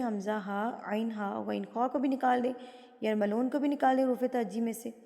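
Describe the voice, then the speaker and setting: A woman teaching Quran recitation rules, patiently explaining step by step and reciting verses slowly. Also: fairly high pitch, gravelly, a little mellow, big-room sound. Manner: patient, explains step by step and asks and answers her own questions.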